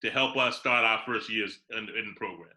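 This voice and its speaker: A man co-hosting a casual chat as a basketball coach, teasing and animated, often stammering as he restarts. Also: lowish voice, brisk, low-quality recording.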